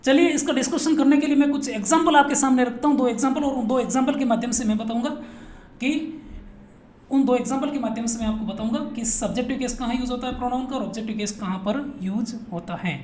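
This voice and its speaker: A man's voice: very high-pitched, fast, darkish tone. A male teacher from Rajasthan, India, giving a grammar lesson. He playfully asks questions and answers them himself, repeating each point many times. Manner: drills students, asks and answers his own questions; playful, repetitive. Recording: echoey room with faint noise.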